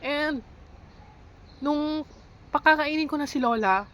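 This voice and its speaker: High-voiced Filipina caregiver telling her story. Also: a bit bright, rough recording. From Philippines. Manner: halting, emotional storytelling with many pauses. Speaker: live-in caregiver for an elderly woman. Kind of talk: confessional vlog, mixing Tagalog and English.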